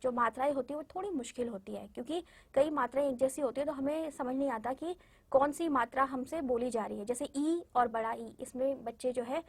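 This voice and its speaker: A woman with a high-pitched voice leads a children's class. She breaks words into slow, careful syllables and speaks to the little ones directly, patient and encouraging throughout. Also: husky. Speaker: primary school Hindi teacher. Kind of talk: online class lesson for young children.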